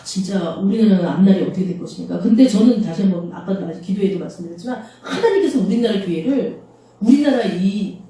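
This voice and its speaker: A woman's voice: medium pitch, warm tone. Echoey woman preaching a sermon. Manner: conversational preaching with rhetorical questions. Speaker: pastor. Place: small church hall. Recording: very echoey room, voice from far off.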